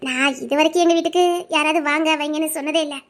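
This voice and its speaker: Brief: actress as a grieving middle-aged woman, gentle and teary, voice pitched very high. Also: steady tone, quick pace, lightly acted. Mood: tender. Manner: soft-spoken, tearful and emotional. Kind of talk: audio drama acting.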